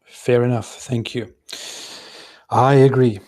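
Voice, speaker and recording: A man's voice: medium pitch, flat delivery, slow, a little mellow. Man host reading out super chats. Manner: friendly, thankful, reads comments aloud.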